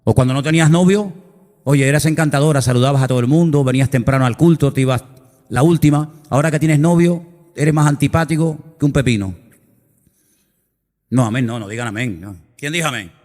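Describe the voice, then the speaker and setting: A man's voice: mid-range voice, a little fast, a little mellow, big-room sound. A male pastor preaching a sermon in a church, telling the story dramatically with emphatic repetitions and asides.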